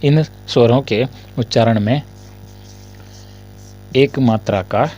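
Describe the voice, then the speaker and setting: A male Hindi grammar teacher in a casual lesson. He asks his students questions, answers them himself, and often coughs and clears his throat. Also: medium pitch, slow, darkish tone, slight background noise.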